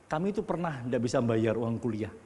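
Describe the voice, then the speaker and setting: Middle-aged pastor, reverberant hall. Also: male voice, medium pitch, fairly quick. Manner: storytelling, animated, climbing to loud exclamations. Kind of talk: sermon. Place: church hall.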